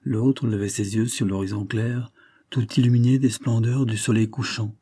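A man reading a classic novel aloud in steady, measured narration. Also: medium pitch, breathy edge. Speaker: audiobook narrator.

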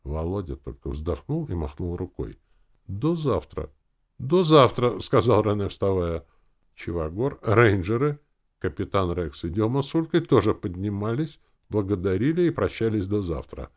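A man narrating a first-person fantasy audiobook in a lively, expressive way. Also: deep voice, moderate pace.

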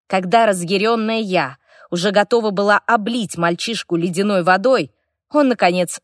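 A woman narrating a first-person fantasy audiobook in a wry, lively, expressive way. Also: fairly low pitch, no echo, studio quality.

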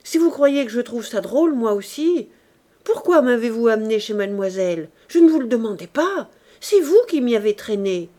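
A woman reading an audiobook, voicing a young man who loses his temper and shouts back at his uncle. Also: on the high side, lively intonation, moderate pace, lightly acted. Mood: irritated. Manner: shouting, exasperated outbursts. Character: young man, embarrassed and furious nephew.

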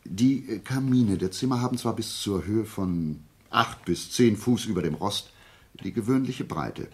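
In a radio play, an actor with a low, gravelly, husky male voice portrays a methodical and self-assured amateur detective. He explains things with deliberate, didactic emphasis, sounding confident and analytical.

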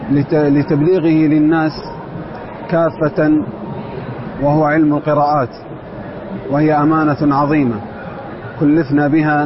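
A man's voice: fairly high pitch, background noise. A man, a student of Quran recitation, giving an earnest and devout personal testimony. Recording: dull audio with loud outdoor ambience.

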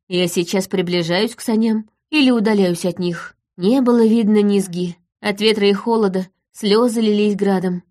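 A woman reads a first-person story aloud as an audiobook narrator. Her pitch sits in the middle range, and her storytelling is steady and measured.

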